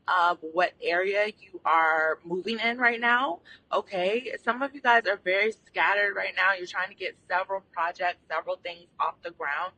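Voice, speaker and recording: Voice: medium pitch, sharp tone. An astrology channel host giving casual, conversational spiritual guidance from inside a car, sounding a bit far away from the mic, often checking in with okay and all right. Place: inside a parked or stationary vehicle.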